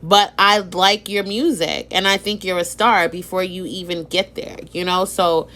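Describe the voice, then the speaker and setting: A woman with a Boston accent, hosting a casual live-stream interview, chatty and animated, greeting viewers by name. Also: fairly low pitch, moderate pace. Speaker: interview host.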